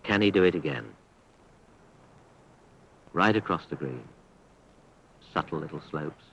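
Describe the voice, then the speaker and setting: A man giving measured, understated golf commentary on a 1970s archive sports broadcast. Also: very deep voice, lively intonation, gravelly, a bit bright, breathy edge, highs cut off. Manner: understated, measured descriptions with appreciative exclamations.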